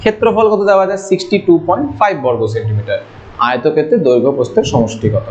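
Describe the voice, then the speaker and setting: High-voiced man teaching maths, lo-fi. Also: sing-song, racing, a little mellow. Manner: asks students questions and answers them himself; informal, addresses students with familiar forms. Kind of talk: online maths lesson. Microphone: voice-over on slides. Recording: dull lo-fi audio.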